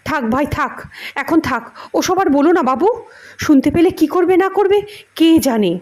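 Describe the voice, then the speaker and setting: A woman voicing a nervous young sister-in-law in a told story, speaking softly. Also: extremely high pitch, lively intonation, normal speed, pitched above the performer's own voice. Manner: soft, hushed.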